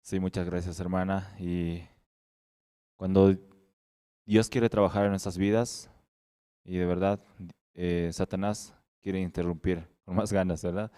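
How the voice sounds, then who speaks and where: Deep, flat-voiced male evangelist. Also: measured pace, long pauses, clean tone. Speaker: evangelist leading a church service. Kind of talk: sermon.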